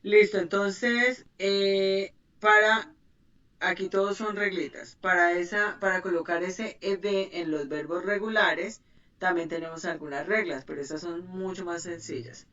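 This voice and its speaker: A woman's voice: on the low side, steady tone, unhurried, fairly bright tone. Woman teacher explaining grammar, patient, keeps checking in, muffled far-off mic. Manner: patient, checks understanding with "¿sí?" and "¿listo?". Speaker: English teacher. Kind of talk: online class explanation.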